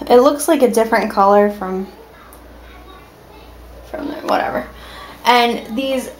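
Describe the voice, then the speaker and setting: Hiccuping her way through a casual vlog chat at home, a woman with a fairly high pitch rambles, restarting often and saying um a lot. The rough recording carries a little hiss or hum.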